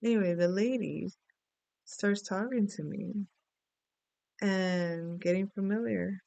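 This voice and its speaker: A middle-aged woman from the Dominican Republic chats her way through a rambling story during a reading. Her voice has a gravelly fry, yet it stays smooth and resonant. The sound is close and dry. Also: mid-range voice, slow pace, warm tone, no echo, muffled recording. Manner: rambling, chatty storytelling with many asides. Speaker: astrology and tarot reader. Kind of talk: casual spoken reading.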